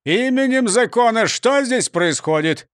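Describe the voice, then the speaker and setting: A man's voice: sits high, lively intonation, a little slow, no room sound, studio quality. A man voicing a stern, pompous male police chief who scolds and orders people about, read as a storybook. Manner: scolding, bossy. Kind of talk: storybook reading.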